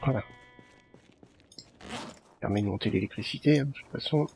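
A man's voice: mid-range voice, normal speed, creaky, a little mellow, faint music behind. A man giving casual let's play commentary, muttering and thinking aloud to himself.

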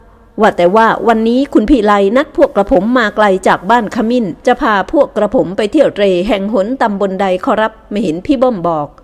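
A woman's voice: on the high side, fairly quick, darkish tone, close to an everyday voice. A woman voicing a polite, deferential young man in an audiobook. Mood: curious. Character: polite young male gang member, curious.

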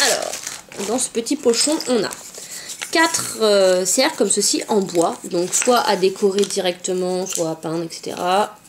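A woman's voice: mid-range voice, noisy background. A woman vlogger chatting casually as she unboxes craft supplies at home, often saying euh and hop. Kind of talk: casual unboxing show-and-tell.

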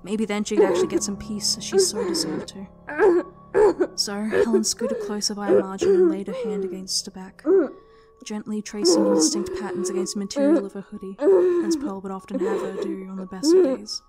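A woman, the story's narrator and writer, gives it a dramatic reading in an emotive, intense style. Her high voice swings widely in pitch at a brisk pace, with prominent music in the background.

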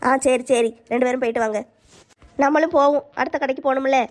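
A woman with a southern Tamil accent playing a brisk, haggling aunt in a family skit. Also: sits high, fairly even intonation. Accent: southern Tamil Nadu. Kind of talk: family comedy skit acting.

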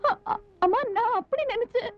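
A woman's voice: extremely high pitch, animated, brisk. An actress playing a young, devoted wife who pleads tearfully with her mother. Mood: tearful pleading. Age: young adult. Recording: dull, dry old film soundtrack.

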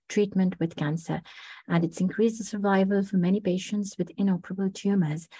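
Over a video call, a woman lectures on medicine through her laptop mic, presenting a case as a clinical research fellow. She's hoarse from a flu she's recovering from, yet her mellow, mid-range voice stays steady and methodical, broken by frequent pauses and "uh" fillers. The sound is close and dry, without any echo.

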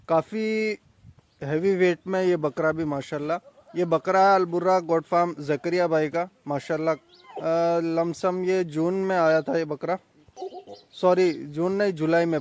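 A young man, a goat farm owner, talking casually outdoors in a boastful sales pitch for his own farm vlog. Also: darkish tone, no room sound. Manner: chatty, boastful sales talk.

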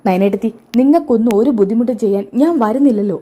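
A woman's voice: fairly high pitch, quick pace, dark tone, natural voice. A woman voicing a frightened, guilty young husband who stammers and pleads. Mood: pleading.

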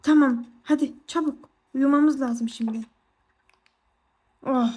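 A young woman chatting casually to viewers while playing a game, excitable and quick to exclaim. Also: high-pitched. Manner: excitable, exclaims and squeals often. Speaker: gaming vlogger. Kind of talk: casual gameplay commentary.

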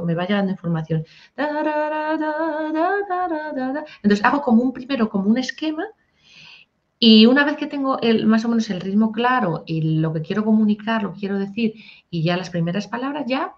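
A woman, a singer-songwriter and music teacher talking casually in an interview, animated and chatty. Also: mid-range voice. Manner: animated, sings short improvised snippets. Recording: dull lo-fi audio.

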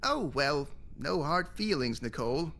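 An actor playing a creepy male photography teacher in a video game, smooth and ingratiating, sounding falsely cheerful. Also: a little high, expressive, a little slow, fairly bright tone, full character voice.

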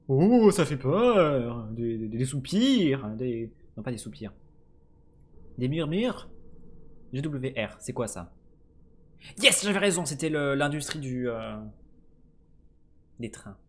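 A man talks through a puzzle game in casual let's-play style, with a bright, forceful tone. He swears freely, mutters low when he is unsure, then bursts out in loud, high exclamations when something clicks. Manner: excitable, swings from muttering to sudden shouts; swears casually, jokey asides. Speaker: gaming streamer.

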